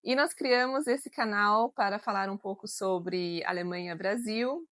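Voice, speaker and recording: A woman's voice: medium pitch, a little slow, a bit bright, no room sound. A woman who grew up in Germany with German as her native language, chatting casually as a teacher co-hosting an educational channel. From grew up in Germany, living in Brazil.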